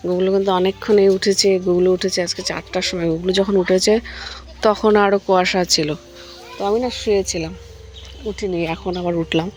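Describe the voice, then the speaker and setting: A woman vlogging about her morning at home with a hoarse voice, chatting to viewers and coaxing her young son along. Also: medium pitch, fairly even intonation, brisk. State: hoarse, worn-down voice. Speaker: vlogger and mother. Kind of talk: casual daily family vlog. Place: at home, partly outdoors on a foggy morning.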